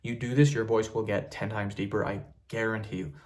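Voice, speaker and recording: A man with a fairly deep, firm voice hosts an instructional video. He talks to viewers casually, stating each step in an assured, emphatic way. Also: fairly even intonation, a little fast. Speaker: YouTube host giving voice tutorials.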